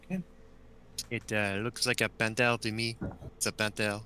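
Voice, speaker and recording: A man's voice: on the low side, little pitch movement, moderate pace, bright, forceful tone, slight background noise. A man playing a tabletop game, talking in a hesitant drawl with frequent fillers. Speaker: player. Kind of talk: casual tabletop game chat.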